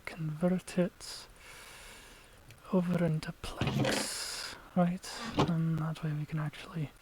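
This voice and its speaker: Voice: mid-range voice, level tone, takes it slowly, very noisy. A let's play gamer giving casual, chatty gameplay commentary, explaining tactics to viewers and sometimes dropping to a whisper.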